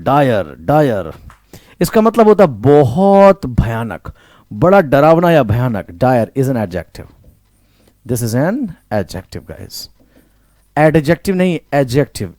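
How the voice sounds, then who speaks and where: A man's voice: a little high, a little mellow, no echo, clean studio sound. A man with an Indian English accent teaching vocabulary, repeating each word and quizzing the listener, mixing Hindi with English phrases. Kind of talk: online vocabulary lesson.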